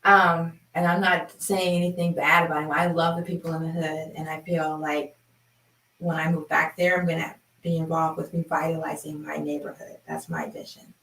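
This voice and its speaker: A woman in her fifties telling a personal story in a chatty, animated way, laughing along as she talks. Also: low-pitched, normal speed. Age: 50s. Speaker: sound healing host. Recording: roomy, from a distance.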